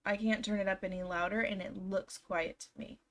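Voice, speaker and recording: Here a young woman streams games from home, her hoarse, slightly scratchy and froggy voice a lingering effect of being sick. She speaks a little fast at medium pitch, with fairly even intonation and a bit of brightness, chatting casually, giggling often, and responding to chat. Sound comes through a desk microphone.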